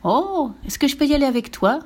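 A woman voicing an excitable, fussy female cow in a children's storybook, with high exclaiming lines. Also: brisk. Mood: surprised. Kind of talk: storybook reading.

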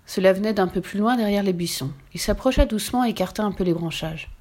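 Woman narrator, gentle expressive storybook read, mid pitch. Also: quick pace.

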